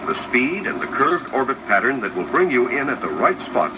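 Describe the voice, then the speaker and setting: With a medium-pitched, very animated voice at normal speed, a male narrator addresses the viewer in scripted teaching narration from a 1970s educational film. It comes through a noisy 16mm soundtrack, accompanied by constant projector whirring.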